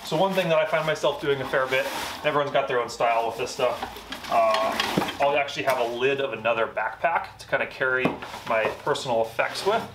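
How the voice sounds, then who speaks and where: A man's voice: medium pitch, brisk, background noise. Casual man explaining gear, echoey room. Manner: casual, explanatory, many fillers. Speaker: mountain guide. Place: indoor garage gear room.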